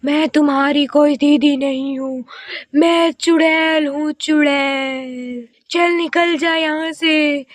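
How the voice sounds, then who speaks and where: A woman voicing a menacing one-legged female witch who has possessed a mother, speaking slowly and threateningly in a voiced doll story. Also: high voice, fairly even intonation, dry recording. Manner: slow, threatening, drawn-out.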